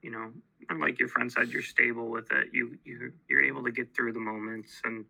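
A man co-hosting a podcast, a bereaved father speaking haltingly and reflectively about grief. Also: medium pitch, little pitch movement, creaky, sharp tone, low-quality recording. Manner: halting, with restarts and fillers, searching for words.

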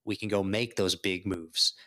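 A man's voice: deep voice, steady tone, normal speed, pushed and bright. A man from Texas, a podcast guest, talking sports casually and rambling with many fillers and restarts.

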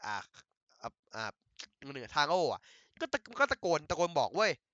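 An excitable man retells an anime episode in loose, casual chat, swearing and laughing as he goes. His voice is bright and bouncy, sitting a little high. It comes through a dry, slightly dull home microphone. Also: normal speed, no room sound. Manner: excitable, laughing, crude slang, many restarts. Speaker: anime recap host.

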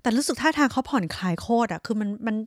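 Woman, quick casual storytelling, fairly high voice, dry close mic. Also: no room sound. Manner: lively storytelling, quick and animated. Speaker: podcast co-host. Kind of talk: casual travel chat.

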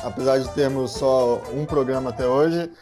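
A man's voice: medium pitch, steady tone, normal speed, music in the background. A man hosting a casual podcast, interviewing a guest in a playful, teasing way. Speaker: podcast host.

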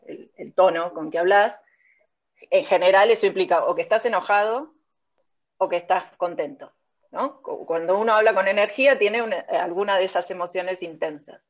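A woman's voice: on the low side, normal speed. A woman with a Rioplatense accent, a speech technology researcher, explaining her field step by step in an interview. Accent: Rioplatense Spanish. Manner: patient, explains step by step with examples. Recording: dull lo-fi sound.

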